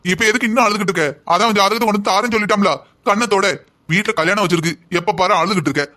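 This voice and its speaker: A man's voice: high voice, rapid-fire, sharp tone. A man voicing a stern middle-aged father who scolds his family in a cartoon drama, heard from a little way off the mic. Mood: irritated. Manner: scolding, blunt.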